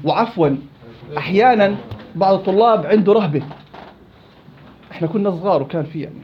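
A man teaching a Quran recitation class, quizzing his students by name in a lively way. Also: sits high, fast, slight background noise. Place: indoor study circle. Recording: dull lo-fi recording.

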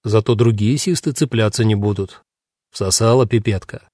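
A man's voice: fairly low pitch, moderate pace, a little mellow, no echo, clean studio sound, lightly acted. A man voicing a crude, swaggering male prisoner who mocks everyone in coarse slang. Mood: mocking.

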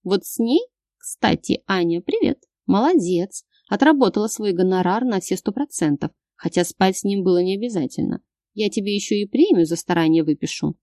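A woman's voice: medium pitch, lively intonation, normal speed, mellow, no echo, clean studio sound, natural voice. A woman reading an audiobook, voicing a scheming wife with a sing-song, mocking manner.

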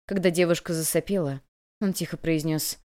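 A woman narrating a novel in a measured, even storytelling manner. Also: lowish voice, clean tone. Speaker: audiobook narrator. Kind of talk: scripted narration.

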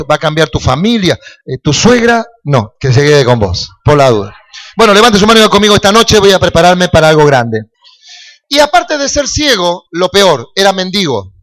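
Un pastor argentino con acento rioplatense que predica un sermón, hace preguntas al público y sube a gritos en las exhortaciones. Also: male voice, a little high. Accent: Rioplatense Spanish. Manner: preaching with rising, shouting calls to the congregation; jokes and asks the crowd questions. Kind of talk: sermon.

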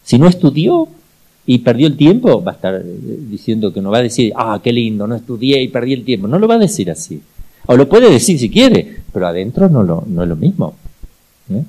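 Middle-aged Argentine male priest, mellow timbre, lively storyteller who repeats for emphasis. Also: mid-range voice, fairly quick, breathy edge, poor audio. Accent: Argentine Spanish. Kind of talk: teaching talk with personal anecdotes.

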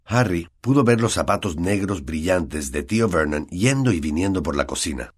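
A man with a Latin American Spanish accent narrating an audiobook in an expressive storytelling manner. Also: low voice, moderate pace, breathy edge.

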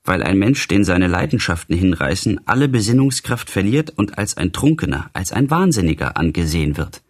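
A man's voice: sits low, big pitch swings, fairly quick. A man voicing Albert, a level-headed, matter-of-fact young man, in a literary audiobook reading. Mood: reasoning.

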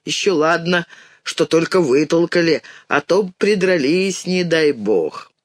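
A man reading an audiobook, voicing a weary, timid old male organ-grinder who talks slowly and mildly with sighs. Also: expressive, dry recording, clean studio sound. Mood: grumbling gentle. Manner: slow, low, sighing and mild.

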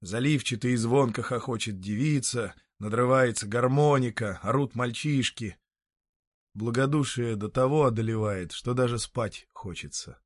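Calm man reading a story. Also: medium pitch, normal speed, no room sound, clean studio sound. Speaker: narrator. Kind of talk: literary audiobook narration.

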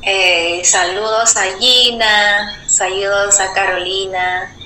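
A woman from Guadeloupe, a guest artist speaking slowly and reflectively on live radio. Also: mid-range voice, steady tone, sharp tone. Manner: slow, reflective, hesitant. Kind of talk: live radio conversation over a remote call. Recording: echoey remote line with noise.

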